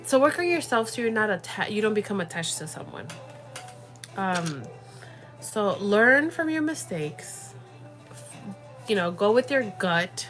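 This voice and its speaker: This young livestream host is very animated yet unhurried, pausing often as she rambles through fillers and stray Spanish words. Her voice sits at medium pitch with a bit of brightness, and soft music plays in the background.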